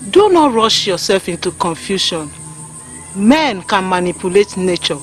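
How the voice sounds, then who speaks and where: A woman with a Nigerian accent playing a calm, cryptic forest goddess in a film drama, speaking in a solemn, oracular way. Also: mid-range voice, unhurried, soft background music. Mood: calm, admonishing. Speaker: actor.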